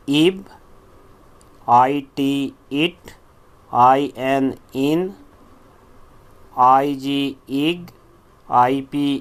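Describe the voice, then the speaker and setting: A male teacher leading a phonics drill, spelling out each word letter by letter and then saying it. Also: mid-range voice.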